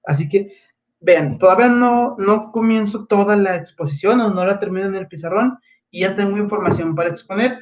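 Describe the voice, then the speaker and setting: A male primary school teacher from Mexico giving a patient livestreamed lesson to his pupils, pausing often on fillers like "eh" and "este". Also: sits high, dull audio. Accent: Mexican Spanish. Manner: halting, many fillers like "eh" and "este"; patient, gently instructive.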